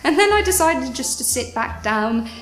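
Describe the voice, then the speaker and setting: A woman's voice: high-pitched, very animated, normal speed, fairly bright tone. A young woman animatedly retelling a chaotic party story with dramatic exasperation. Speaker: vlogger. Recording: echoey room with faint music.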